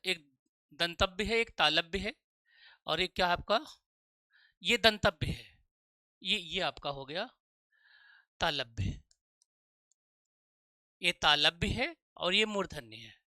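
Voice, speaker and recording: A man teaching a live online exam-prep class. He keeps asking "okay?" to check that his students follow, calls them "children," and drills sounds slowly one at a time. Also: high-pitched, sharp tone, clean tone, dry recording, clean studio sound. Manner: calls students 'children' and 'dear'.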